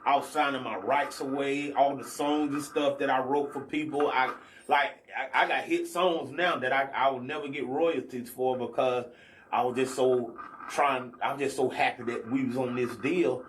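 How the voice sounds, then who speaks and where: There's a little hiss or hum as a man in his 40s, a guest R&B artist from Athens, Georgia, US, chats casually on a podcast. His medium-pitched voice keeps fairly even intonation at a moderate pace while he rambles, often checking in with the listener and repeating "you know what I'm saying."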